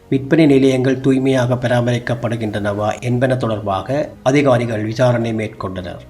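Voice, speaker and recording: A man's voice: mid-range voice, darkish tone. Sri Lankan Tamil male news reader, music behind. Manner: formal. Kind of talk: scripted news narration.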